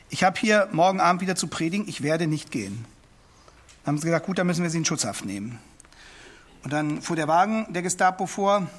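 A man with a notably high-pitched voice delivers a sermon. He retells a story earnestly, and his delivery swells into emphatic, declaiming passages. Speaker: preacher.

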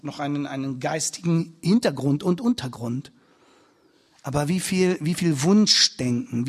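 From a church pulpit, a male pastor drives his sermon's points home through repeated phrases and rising emphasis. He speaks in a somewhat high, slightly husky voice.

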